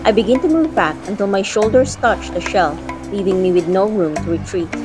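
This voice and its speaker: A woman's voice: medium pitch, a little fast, close to an everyday voice. A woman playing a guarded, feisty young woman, narrating an audio drama in the first person and voicing her dialogue. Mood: reflective. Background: background music.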